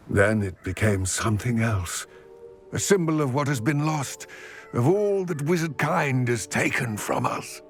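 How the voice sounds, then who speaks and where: Voicing a goblin companion in a video game, a man uses a husky mid-range voice. His character sounds grave and formal, choosing each word slowly and with solemn care.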